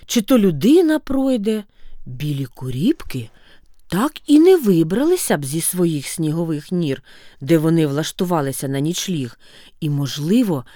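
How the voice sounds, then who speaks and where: A woman narrating a storybook tale in an expressive way, with sweeping pitch. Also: no echo, studio quality. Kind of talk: storybook reading.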